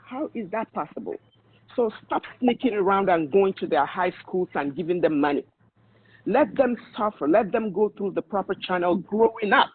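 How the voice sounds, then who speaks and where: On an opinionated podcast discussion, a man with a Nigerian accent lectures and hands out blunt advice in an animated way at a moderate pace. His voice is high with a husky grain, and the echo-free audio is narrow and tinny like a phone line.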